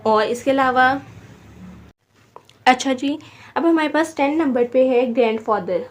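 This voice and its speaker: A woman teaching a beginner vocabulary lesson, repeating each word slowly and spelling it out syllable by syllable. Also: high voice. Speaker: language teacher.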